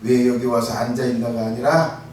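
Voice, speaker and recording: A pastor preaching an impassioned sermon, often shouting for emphasis and acting out quoted words. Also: male voice, mid-range voice, flat delivery, moderate pace, a little hiss or hum. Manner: acts out listeners' and Jesus' words in quotes. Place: church sanctuary. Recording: echoey church hall, mic far off.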